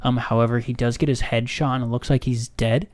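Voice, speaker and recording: A man co-hosting a casual fan discussion podcast, chatty and hesitant, filling pauses often. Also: mid-range voice, fairly even intonation, a little mellow. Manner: chatty, hesitant with many fillers. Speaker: podcast co-host.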